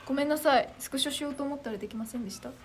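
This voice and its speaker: A teenage girl from Chiba chatting casually on a livestream, reading viewer comments in a bubbly, animated, self-deprecating way. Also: high-pitched, rapid-fire, a little hiss or hum. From Chiba, Japan. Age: teens. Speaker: idol trainee streamer.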